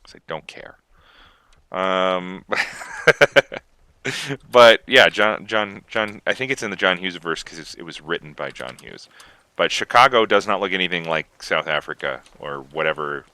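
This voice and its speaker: A man co-hosting a casual gaming podcast, rambling and animated as he chats. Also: low-pitched, unhurried, no echo. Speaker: podcast co-host.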